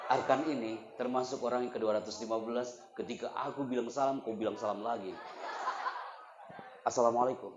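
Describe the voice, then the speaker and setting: A man giving a religious motivational talk to students at a boarding school gathering, teasing them playfully and swinging into loud, dramatic storytelling. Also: medium pitch, fairly even intonation, a little fast, echoey room, crowd noise. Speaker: motivational speaker. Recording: slightly dull with faint noise.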